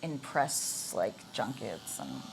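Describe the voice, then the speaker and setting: A young woman from Canada, chatting as a guest in a relaxed way full of "like" fillers. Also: rumbling low, takes it slowly, vocal fry, a little hiss or hum. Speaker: guest actor. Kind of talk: casual interview chat.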